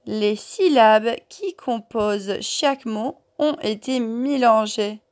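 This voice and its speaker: Woman teacher, high-ish voice, very slow and patient, repeats syllables for young kids. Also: darkish tone. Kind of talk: slow, patient workbook lesson for young children.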